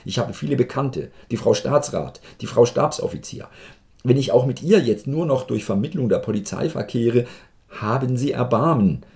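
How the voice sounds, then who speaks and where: A man's voice: medium pitch, lively intonation, normal speed, vocal fry, pitched above the performer's own voice. A man playing a desperate vain officer, pleading. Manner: pleading, raised and loud. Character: desperate vain male officer who lost his nose.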